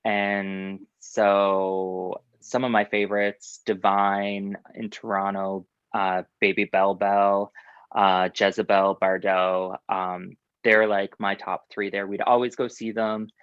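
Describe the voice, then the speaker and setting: A man's voice: on the low side, little pitch movement, slow pace, clear, resonant tone, dry recording. A man, a drag performer, being interviewed in casual chat, upbeat and laughing often. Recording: dull, dry lo-fi audio.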